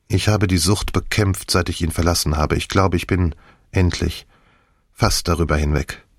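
Guy reading as a worn out haunted woman, deep low voice, tired slow talk, dry. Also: no room sound. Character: weary woman in her thirties, haunted.

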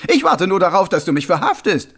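A man doing a cruel, smug killer with a high, taunting voice that skips up and down between chuckles. The tone is gravelly and husky, a condescending giggle running under everything he says in this audiobook reading. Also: big pitch swings, brisk, fairly bright tone, heavily acted. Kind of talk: audiobook character voice.

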